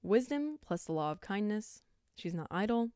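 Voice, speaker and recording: A woman hosting a casual Bible study talk, talking fast and chatty with lots of "like", earnest and upbeat. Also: mid-range voice, animated, mellow, clear, resonant tone, dry recording, clean studio sound. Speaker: podcast host.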